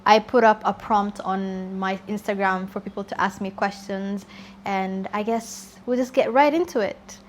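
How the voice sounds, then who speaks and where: A journalist and YouTuber in her twenties speaks in a mid-range voice with fairly even intonation and a measured pace, with slight background noise. She chats candidly and laughs easily through a casual get-to-know-me Q&A vlog.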